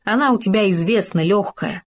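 A woman's voice: mid-range voice, brisk, natural voice. A woman voicing a boastful, scheming male hamster in a children's story, talking bossily and slyly. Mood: bossy. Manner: bossy, indignant and sly.

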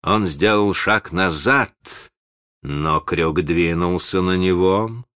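A man narrating a children's story aloud in a dramatic, animated manner. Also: low-pitched, slow pace, clear, resonant tone, dry recording, studio quality. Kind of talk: expressive audiobook narration.

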